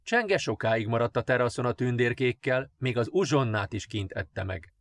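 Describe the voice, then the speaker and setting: A man narrating children's fairy tales in a gentle, expressive reading. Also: mid-range voice, no echo. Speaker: audiobook narrator. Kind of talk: storybook narration.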